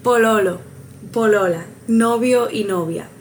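A woman's voice: medium pitch, takes it slowly, darkish tone, a little hiss or hum. A woman vlogger thinking aloud as she takes a quiz, hesitant and musing, laughing at her own luck.

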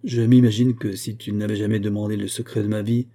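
A man's voice: on the low side, little pitch movement, fairly quick, dark tone, lightly acted. A male audiobook reader voicing a weary aging father who speaks in a somber, brooding way. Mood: confiding.

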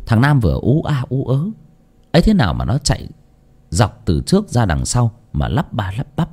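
A man's voice: mid-range voice, normal speed, breathy edge. A man narrating a ghost story dramatically as storyteller. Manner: dramatic, animated.

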